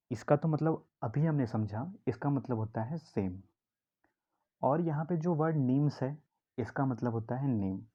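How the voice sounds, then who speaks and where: With a mellow, medium-pitched voice, this English teacher explains vocabulary as if in a classroom, posing his own questions and going back over key words. The recording has its highs cut off.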